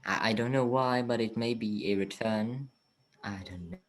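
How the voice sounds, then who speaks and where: A man's voice: lowish voice, fairly even intonation, normal speed. A man hosting a podcast, asking questions with hesitant phrasing. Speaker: podcast host. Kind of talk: interview questions.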